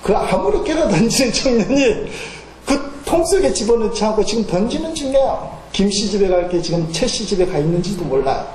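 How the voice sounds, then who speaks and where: High-voiced pastor in an echoey church. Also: male voice, very animated, fairly quick, a little mellow, a little hiss or hum. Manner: folksy anecdotal storytelling with voiced quotes and filler "어". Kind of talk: sermon with storytelling. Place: church sanctuary. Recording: echoey church hall with faint ambience.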